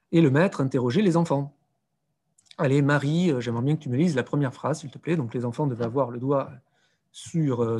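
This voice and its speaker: Man, primary teacher, warm mellow tone, slightly husky, hesitant with fillers. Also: a little high. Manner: hesitant, many fillers and restarts; acts out classroom exchanges. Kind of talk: explaining a classroom reading method.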